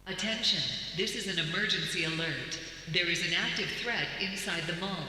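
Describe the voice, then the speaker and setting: A high, very bright male voice booms through a mall's public-address loudspeaker, carrying an emergency alert. It rings out in a cavernous hall with long reverb, and a faint hum sits beneath it. Each command comes out calm and measured. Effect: mall public-address loudspeaker. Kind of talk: scripted emergency announcement. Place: shopping mall. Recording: echoey loudspeaker in a large hall.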